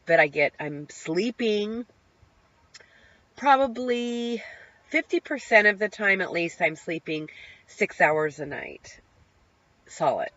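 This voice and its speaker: A woman's voice: sits low, a bit bright. A middle-aged woman speaks in a personal video diary, open and heartfelt. She rambles a little, with plenty of ums and restarted sentences. The audio is slightly dull and lo-fi. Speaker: vlogger sharing her recovery.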